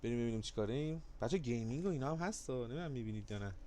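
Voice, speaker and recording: A man hosts a livestream giveaway in casual, teasing chat, with his voice sitting at a middle pitch. He jumps from drawn-out, loud announcements to low, quick asides. A faint background hiss runs under his voice. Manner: excitable and joking, swinging between loud shouts and low mutters. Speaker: streamer hosting a giveaway.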